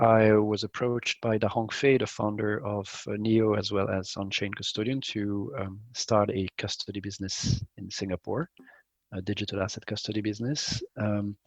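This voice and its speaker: A middle-aged man from Belgium, answering interview questions in a measured way and pausing often to find his words. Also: lowish voice, darkish tone, no echo, lo-fi sound. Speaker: guest, company CEO.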